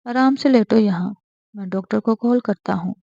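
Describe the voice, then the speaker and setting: A woman reading the part of a stern, commanding young husband who scolds loudly and insists on having his way. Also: sits high, vocal fry, no room sound, highs cut off. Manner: stern, raises voice.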